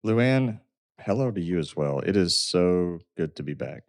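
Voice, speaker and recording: A man's voice: low voice, lively intonation, unhurried. A man, a financial advisor co-hosting a radio talk show, chatting loosely with fillers and restarts.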